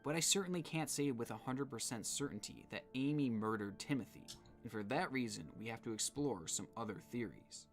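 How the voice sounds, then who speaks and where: A man's voice: mid-range voice, expressive, fairly quick, soft background music. A man giving scripted narration in the style of a true-crime video.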